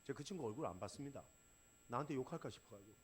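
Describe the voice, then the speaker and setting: A man preaching a sermon as pastor. He asks the congregation rhetorical questions, and he swings between loud exclamations and quiet asides. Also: medium pitch, expressive, racing, breathy edge.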